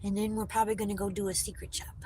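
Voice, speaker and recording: A woman's voice: medium pitch, little pitch movement, racing, low-quality recording. A woman chatting casually to her viewers on a phone livestream while she drives, answering their comments as she goes. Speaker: vlogger livestreaming while driving. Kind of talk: casual live chat to viewers. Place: in a car on the road. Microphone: phone mounted in the car. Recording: loud car and road noise.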